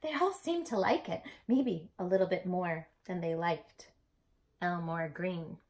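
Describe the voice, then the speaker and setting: A woman with a lowish, somewhat dark voice reads aloud to young children at a slightly slow pace. She's affectionate and expressive, leaning into emphatic storytelling phrases spoken directly to the listener.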